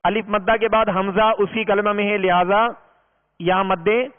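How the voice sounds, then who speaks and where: A man gives a measured recitation lesson, explaining each rule patiently and stretching the long vowels. The sound is thin and phone-like, with a long reverb tail trailing his words. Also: high voice, fairly even intonation. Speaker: Quran reading teacher. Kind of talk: recorded tajweed lesson. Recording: tinny, reverberant lo-fi recording.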